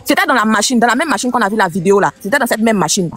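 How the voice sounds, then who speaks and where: A woman speaks very fast as she recounts a story on a live audio chat, stumbling over some words. Faint music plays behind her voice. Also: fairly high pitch, animated, a bit bright. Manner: very fast, slightly halting. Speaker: participant sharing a story.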